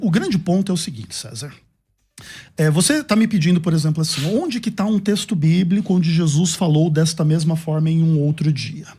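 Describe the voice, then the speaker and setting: Formal Brazilian man, high lively voice. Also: husky. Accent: Brazilian Portuguese. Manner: measured, formal, builds his argument point by point. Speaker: debater. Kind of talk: theological debate.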